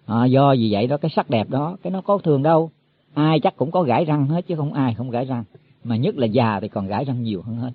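A man's voice: mid-range voice, animated, fast talker, husky, no echo. A man giving a Buddhist sermon to monks, explaining in a folksy way and repeating his words as he goes. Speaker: Buddhist teacher. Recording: tinny phone-like, dry.

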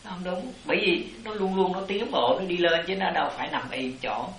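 A man's voice: high-pitched, fairly quick, roomy sound, a crowd in the background, rough recording. A man teaching as a Buddhist master, explaining to his disciples in a rambling, repetitive way. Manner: rambling explanations, repeats "it" constantly. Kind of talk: dharma talk answering disciples.

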